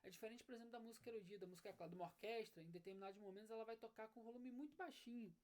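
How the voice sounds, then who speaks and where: Her voice is a touch high and darkish, and she races along as she teaches an online music lesson step by step. She keeps checking in with students using "né?" and "tá bom?", while an acoustic guitar plays faintly behind her.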